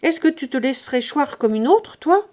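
A woman doing a gruff, stingy old master. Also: fairly high pitch, lively intonation, moderate pace, close to an everyday voice. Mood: gruff, bossy. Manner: loud, brusque, bossy. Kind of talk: audiobook character voice.

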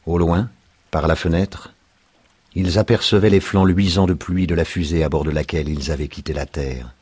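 A man narrating a story in a calm, measured audiobook reading. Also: deep voice, slightly rough, no room sound.

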